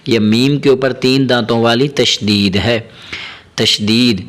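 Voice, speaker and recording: A man teaching a tajweed lesson, spelling out letters and vowel marks, then chanting the syllables slowly and melodically between quick plain explanations. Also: mid-range voice, a bit bright. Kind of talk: step-by-step recitation lesson.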